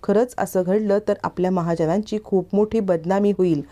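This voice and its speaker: A woman's voice: mid-range voice, steady tone, moderate pace, dark tone, a little hiss or hum, lightly acted. A woman voicing a scheming middle-aged woman of the house who talks in an anxious, accusing way.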